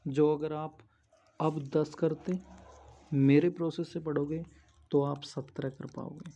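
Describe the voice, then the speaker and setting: A male coaching teacher gives instructional study-strategy advice for exams, methodically working through it point by point. He speaks slowly in a fairly high, level, dark-toned voice, captured with dull lo-fi sound.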